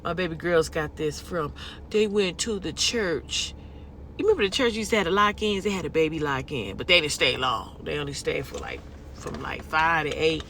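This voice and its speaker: A chatty Californian woman talks to her viewers from her car, her voice bright and forward. She keeps it loose and folksy with plenty of y'all and okay thrown in. A faint hum of noise sits under her voice. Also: deep voice, lively intonation, normal speed. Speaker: lifestyle vlogger. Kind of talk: casual chat to viewers.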